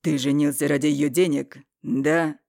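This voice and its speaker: Forceful, gravelly husband, voiced by a woman, dark tone, accusing, for an audiobook. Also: sits low, fairly even intonation, a little slow, no room sound, clean studio sound. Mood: angry. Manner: loud, accusing. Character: angry husband, forceful and confronting. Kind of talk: audiobook character reading.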